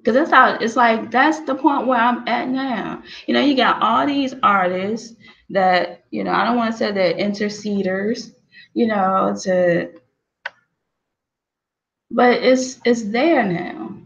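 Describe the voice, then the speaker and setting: A woman's voice: on the high side, slow, creaky, a bit bright, lo-fi sound. A woman hosting her own show, talking in a rambling, casual monologue full of restarts and "you know"s.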